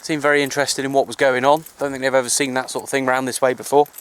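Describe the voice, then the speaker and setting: This amateur CB radio vlogger chats loosely and easygoingly for his outdoor hobby channel, filmed handheld in the countryside. He speaks quickly with a mid-range, slightly bright voice that barely moves in pitch, and there's a little background noise.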